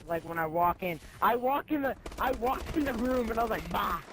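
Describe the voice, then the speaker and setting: Telling a casual anecdote to friends, a high school kid with a high voice talks fairly quickly, using slang and playing both parts of the dialogue with lots of animation. There's slight noise in the background.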